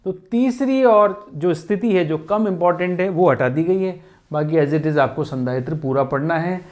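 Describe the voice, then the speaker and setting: A man's voice: a little high, moderate pace, darkish tone. A man teaching physics in a lesson video, explaining patiently, repeating key points and checking in with his students often. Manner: patient, repetitive explaining with frequent check-ins. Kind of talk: classroom-style lesson explaining syllabus changes.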